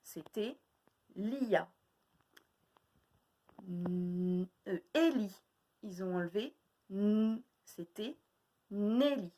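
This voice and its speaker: Speaking slowly with a mellow, medium-pitched voice, a woman teaches young children phonics, deliberately repeating each sound and word.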